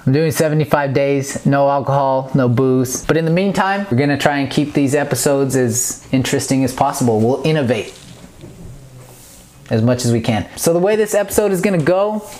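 A man's voice: medium pitch, a little mellow. A young man hosting a podcast, telling a story in a loose, profane way with lots of laughs. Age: young adult. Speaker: podcast host. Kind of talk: casual storytelling.

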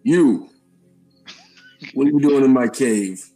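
A man playing a tabletop game in character, speaking in a loud, booming voice that sounds magically amplified. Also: slow, soft background music, low-quality recording. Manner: loud and commanding. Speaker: player.

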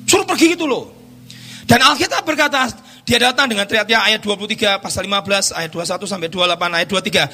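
A man's voice: sits high, rapid-fire, bright, forceful tone. A man preaching a sermon as a pastor, telling stories dramatically and mixing in English phrases. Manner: dramatic storytelling, acts out quotes, mixes in English phrases. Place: church hall. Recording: reverberant hall with music behind.

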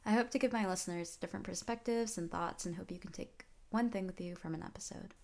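A woman's voice: medium pitch, quick pace, vocal fry. A young woman hosting a podcast, chatting casually and laughing often with a friend over a video call. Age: young adult. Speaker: podcast host. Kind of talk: casual interview.

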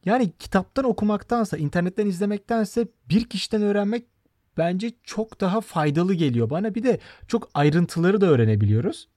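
Higher-pitched young man hosting a podcast. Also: expressive, a little fast, dark tone, no echo, clean studio sound. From Turkey. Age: 20s. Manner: careful word choice. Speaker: podcast host. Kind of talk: casual chat.

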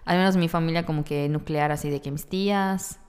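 A woman from Mérida with a Yucatecan accent, co-hosting a casual podcast chat, relaxed and laughing often. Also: low voice, a little fast, clean tone, in a large hall. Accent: Yucatecan Spanish. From Mérida, Mexico. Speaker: podcast co-host.

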